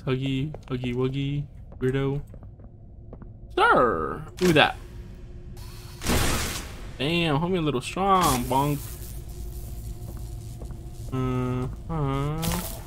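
Man, let's-play commentary, swearing and slangy, shouts when startled, faint background noise. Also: medium pitch, fairly even intonation, slow, pauses often. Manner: profane, reactive, talks to himself and the game; slangy casual speech. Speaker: gaming video host.

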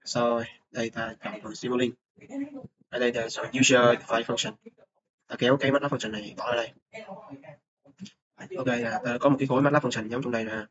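A man's voice: medium pitch, steady tone, brisk, long pauses, a crowd in the background. A young man, a student presenting a course report over a screen recording, talking hesitantly with many filler sounds. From Vietnam. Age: young adult. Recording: dull lo-fi mic with faint noise.

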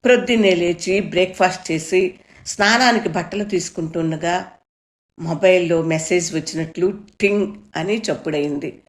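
Low-voiced woman reading a story aloud. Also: moderate pace. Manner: earnest, emotive reading. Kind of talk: first-person story reading.

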